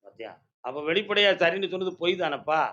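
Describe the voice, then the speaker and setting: High, bright-voiced temple oracle man. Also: animated, fast, lo-fi sound. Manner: commanding, scolds and reassures devotees directly. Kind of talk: trance oracle pronouncements to devotees. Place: temple with devotees present. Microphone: microphone.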